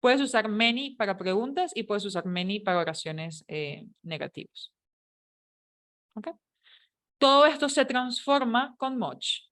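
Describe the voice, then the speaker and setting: A woman's voice: on the high side, animated, a little slow, a bit bright. A woman teaching an English grammar lesson, explaining in a chatty, playful way with jokes and questions to her students. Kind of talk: online English lesson taught in Spanish.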